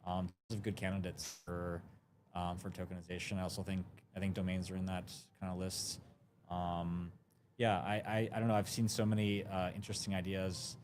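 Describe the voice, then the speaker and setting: A man with a low voice gives relaxed, halting answers as a guest on a live show. Faint conference-floor hum sits behind him. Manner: relaxed, many ums and uhs. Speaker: guest, crypto marketing lead. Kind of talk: casual interview answers.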